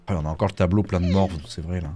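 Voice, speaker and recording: A man commentating a horror game let's play in a jokey, animated way. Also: low voice, rapid-fire, faint music behind. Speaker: gaming YouTuber.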